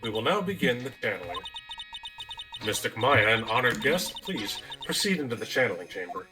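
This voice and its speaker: A man voicing a prim, formal woman temple attendant who speaks with stiff politeness, with game music clearly behind. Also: mid-range voice, sing-song, moderate pace, natural voice. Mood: solemn.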